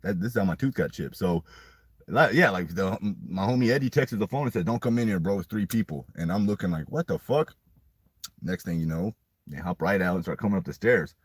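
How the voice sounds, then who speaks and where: Young guy rambling thru a story, cussing a lot, low rough voice, dry close mic. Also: fairly quick, dry recording. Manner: rambling, profane, animated retelling. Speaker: podcast storyteller. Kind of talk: casual storytelling.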